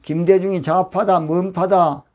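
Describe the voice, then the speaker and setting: An older pastor with a Jeolla accent delivers a sermon in a fiery, emphatic manner. His voice sits high for a man and leaps into loud, sharp bursts. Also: steady tone, unhurried. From Yeosu, Jeolla province, South Korea.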